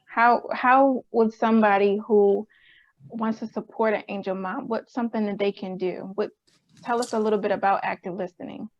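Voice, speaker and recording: A woman interviewing a guest, asking questions in a gentle, prompting, affirming way. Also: medium pitch, fairly even intonation, normal speed, muffled recording.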